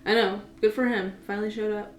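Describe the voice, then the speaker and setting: A woman's voice: medium pitch, fairly even intonation, fast talker. A young woman co-hosting a podcast, chatting casually about sports with short, wry reactions. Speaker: podcast co-host. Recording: echoey room with faint noise.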